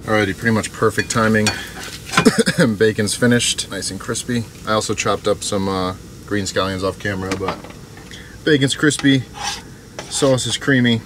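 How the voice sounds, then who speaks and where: A man's voice: fairly low pitch, moderate pace, long pauses. Young man chatting while cooking in a van. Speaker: vlogger. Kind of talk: casual cooking vlog. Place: small kitchen inside a camper van. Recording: noisy camper van recording.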